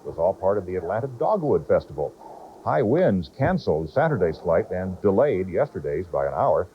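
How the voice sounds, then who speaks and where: A man anchoring local morning news, reading stories and chatting with colleagues in a smooth newsreader delivery. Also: sits low, very animated, normal speed, a little hiss or hum. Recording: dull old broadcast tape.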